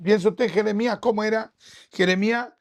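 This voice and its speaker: A man's voice: sits high, steady tone, brisk. A man with a Chilean accent preaching a sermon at a church service, talking conversationally and asking the congregation one rhetorical question after another. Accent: Chilean Spanish. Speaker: pastor.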